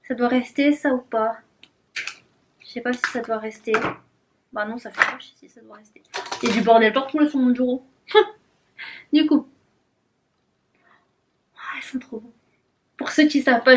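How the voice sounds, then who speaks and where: A woman's voice: fairly high pitch, slight background noise. A young woman chatting casually in a vlog at her desk at home, giggly and talking to herself as she unboxes things. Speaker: vlogger.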